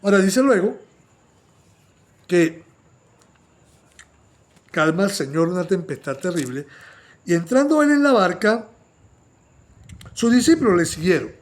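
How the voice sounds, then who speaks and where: High-voiced man teaching a Bible study. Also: measured pace, pauses often. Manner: animated, often asks the listeners "sí o no"; acts out quoted lines in a raised voice.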